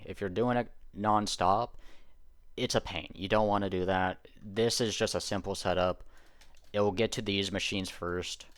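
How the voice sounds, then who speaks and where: A man's voice: on the low side, no echo, studio quality. A man giving a casual game tutorial, explaining step by step and correcting himself as he goes. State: hiccuping. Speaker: gaming YouTuber.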